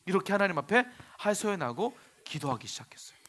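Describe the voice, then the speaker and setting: Animated high-voiced male pastor. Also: fast. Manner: animated, questions the audience. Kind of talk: storytelling sermon for children.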